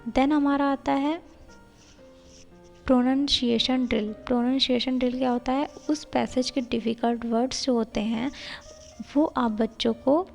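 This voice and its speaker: A woman explaining a lesson plan step by step, reading sample lines slowly and deliberately. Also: sits high, fairly even intonation, gravelly, a little mellow, soft background music. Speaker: teacher-training tutor.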